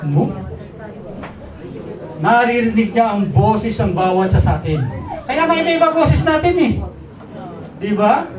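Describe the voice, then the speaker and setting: A male pastor with a Filipino accent preaching a sermon, telling stories and asking the congregation questions. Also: high-pitched. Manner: storytelling, asks the congregation questions. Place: church hall with a congregation. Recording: echoey hall, distant mic, audible congregation.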